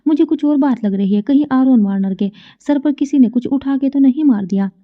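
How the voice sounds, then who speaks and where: A hot-headed young man blurts and pleads in turn, read by a woman narrator. The pitch sits a little high. The sound is thin, like a phone line. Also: close to an everyday voice. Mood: surprised. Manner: blurts out, quick to anger, then pleads. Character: brash flustered young man, bodyguard type.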